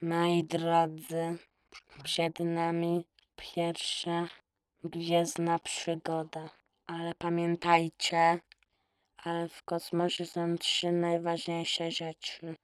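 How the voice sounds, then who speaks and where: A woman's voice: fairly low pitch, extremely slow, clean tone, no echo. A woman voicing a grave little robot in a children's audiobook. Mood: solemn. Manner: grave, monotone.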